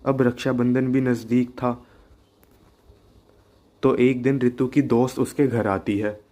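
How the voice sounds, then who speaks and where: A man's voice: mid-range voice, little pitch movement, slow, dark tone. A man narrating a cartoon ghost story in a plain, conversational way, linking lines with filler words.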